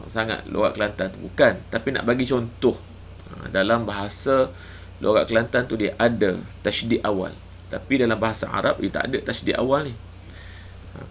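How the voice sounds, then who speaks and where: Male recitation teacher, middle-aged, bright tone, faint room noise. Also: on the low side, creaky. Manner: explains patiently, then chants drawn-out recitation examples. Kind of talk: live recitation lesson.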